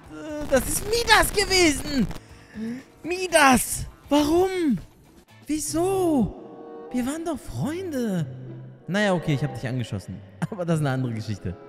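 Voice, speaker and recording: Excitable young man narrating his gameplay. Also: extremely high pitch. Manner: hectic, pleading, jokey. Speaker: gaming YouTuber.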